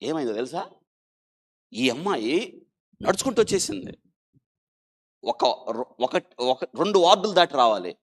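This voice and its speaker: A male doctor telling a dramatic story in an interview, swinging between loud emphasis and quiet asides and urging listeners to listen and think. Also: on the high side, big pitch swings, measured pace, long pauses.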